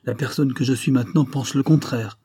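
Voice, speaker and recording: A man reading the lines of a young woman who answers with quiet dignity, in an audiobook. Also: mid-range voice, brisk, breathy edge, voice pushed up, lightly acted. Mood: earnest. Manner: earnest, restrained.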